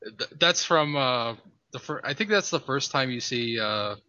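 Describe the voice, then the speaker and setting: A man tells rambling stories on a casual podcast and laughs at his own anecdotes. His voice is bright and forceful. The sound is dry and close, with a dull, lo-fi quality. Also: medium pitch, animated, measured pace, no echo.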